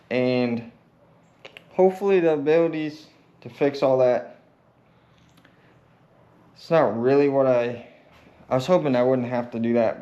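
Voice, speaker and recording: A man's voice: medium pitch, warm tone, lo-fi sound. A man talking casually and plainly as a DIY mechanic showing his work, unscripted and laid-back. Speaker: DIY truck mechanic vlogger and welder. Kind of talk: casual, unscripted vlog talk.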